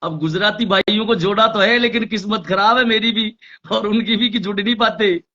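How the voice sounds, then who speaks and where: A man's voice: high-pitched, normal speed, bright, forceful tone. A man hosting a casual live stream, chatting and speaking straight to his viewers. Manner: chatty, addresses viewers directly. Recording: dull lo-fi stream audio.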